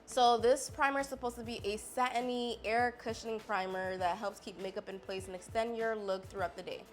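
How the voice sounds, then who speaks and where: A woman's voice: a little high, steady tone, brisk, faint music behind. A woman, chatting casually and sassily to viewers while testing makeup. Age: 20s. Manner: chatty, sassy, talks straight to viewers. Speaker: beauty vlogger. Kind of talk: casual makeup haul chat.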